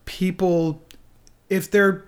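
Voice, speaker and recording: A man's voice: sits high, little pitch movement, very slow, smooth. Candid, rambling man in his forties. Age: 40s. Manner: rambling, candid, with frequent restarts and swearing. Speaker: guest. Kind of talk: casual podcast conversation.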